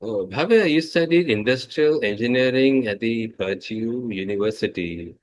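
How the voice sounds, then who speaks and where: A man's voice: medium pitch, animated, normal speed. A man hosting an interview, asking formal questions and adding brief affirmations. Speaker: interview host.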